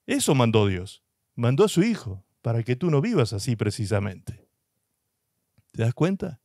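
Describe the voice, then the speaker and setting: A man's voice: medium pitch, sing-song, normal speed, dark tone, no room sound, clean studio sound. A man preaching a sermon as pastor, emphatic and full of rhetorical questions, with short mocking put-on voices.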